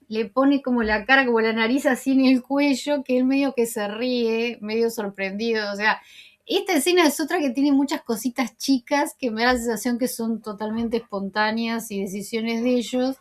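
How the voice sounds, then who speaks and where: A woman with a fairly high-pitched voice recaps TV scenes in a relaxed, chatty way. She often stops on small filler words while she gathers her thoughts. She sounds like a channel host talking straight to her viewers. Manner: chatty, retelling scenes with many "este" fillers. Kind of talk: casual spoken recap of TV scenes.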